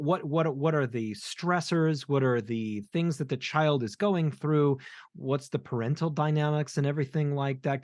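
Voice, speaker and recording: A man's voice: medium pitch, darkish tone, no echo, studio quality. A man hosting a podcast interview, asking questions admiringly and stumbling over his first words. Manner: admiring, repeats words when starting. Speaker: podcast host.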